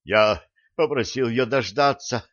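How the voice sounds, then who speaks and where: A man's voice: medium pitch, measured pace, a bit bright, no room sound, lo-fi sound, close to an everyday voice. A man reading an audiobook, voicing a shy, grumbling teenage cabin boy. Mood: earnest. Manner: grumbling, earnest.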